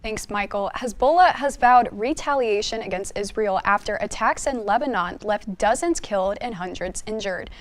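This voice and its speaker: A woman anchoring a student newscast, reading news in a steady, formal way. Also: medium pitch, normal speed, few pauses.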